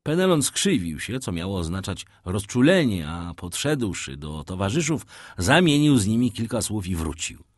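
A man narrating a classic novel as an audiobook, in an expressive reading. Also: fairly low pitch, moderate pace, hardly any pauses, dry recording, studio quality. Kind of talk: scripted narration.

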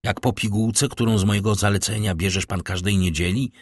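Man reader as an urgent doctor, low husky voice, crisp questions, dry sound. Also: steady tone, no echo. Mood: probing. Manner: brisk questioning. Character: urgent middle-aged male doctor, brisk and probing.

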